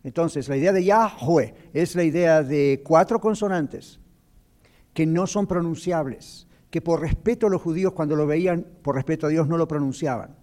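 Radio host, male, mellow and dark-toned, teaching scripture in an explanatory, preaching manner. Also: a little high, normal speed. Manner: explanatory, preacherly, mixes English words. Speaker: radio show host, doctor. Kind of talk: radio talk on Bible teaching.

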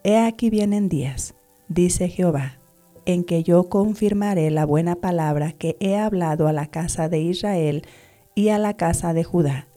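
Female scripture reader, low voice, measured delivery. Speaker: Bible reader. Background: soft background music.

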